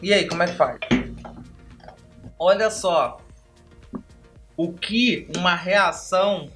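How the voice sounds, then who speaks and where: A man hosting a podcast who tells a story in a lively way and acts out the dialogue. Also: high-pitched, slow, over music. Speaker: podcast host and trainer. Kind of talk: storytelling talk.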